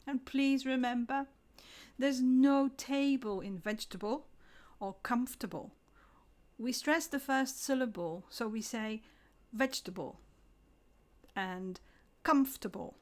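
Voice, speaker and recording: A woman's voice: high-pitched, a little mellow. Woman teaching English, carefully enunciated. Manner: slow, careful enunciation of example words. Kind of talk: scripted English lesson.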